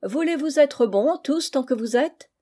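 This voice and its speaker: A woman reading an audiobook voices an elderly aunt who is bossy and merry, calling out brisk commands. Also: high voice, expressive, warm tone, voice pushed up. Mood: bossy lively.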